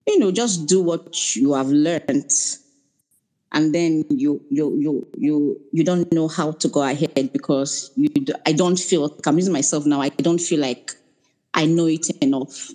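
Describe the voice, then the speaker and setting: A woman's voice: low voice, measured pace, mellow, poor audio. A Nigerian woman, a newcomer, politely asking a hesitant question in a live audio chat. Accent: Nigerian English. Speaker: caller, newcomer to the field.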